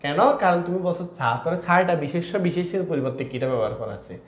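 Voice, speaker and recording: A man's voice: fairly high pitch, lively intonation, fast, reverberant. Chatty young man teaching grammar. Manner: chatty, repeats questions, calls students brother. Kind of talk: online exam-prep class.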